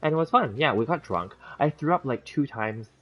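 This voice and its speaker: A man in his thirties, speaking in a mid-range voice that's animated and fairly quick, chats casually with his stream viewers as a gaming streamer. He rambles through a story full of fillers and restarts, laughing easily. The lo-fi stream audio sounds dull.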